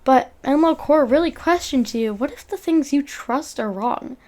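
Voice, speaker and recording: This is a young woman's informal, earnest narration of a video essay, read from a script with the odd stumble. Her voice sits high and carries a darkish tone, and she speaks at a normal speed.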